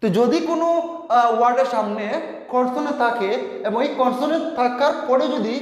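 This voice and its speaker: A teacher explaining a pronunciation rule to students, restating each point and often pausing on fillers. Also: medium pitch. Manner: repetitive, often restating rules with many fillers. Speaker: English teacher. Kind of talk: explaining a grammar lesson to students. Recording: very echoey room with long reverb.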